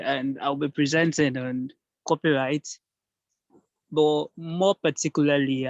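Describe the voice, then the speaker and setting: A man's voice: medium pitch, no echo, highs cut off. A man giving a hesitant presentation on a video call. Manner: hesitant, many ums. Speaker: mentee presenter. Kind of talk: online meeting presentation.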